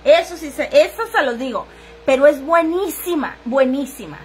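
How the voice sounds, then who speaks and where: A woman's voice: high voice, lively intonation, normal speed, slight background noise. A middle-aged woman, chatting crudely and casually while selling on a livestream and answering viewers' comments. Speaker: livestream seller.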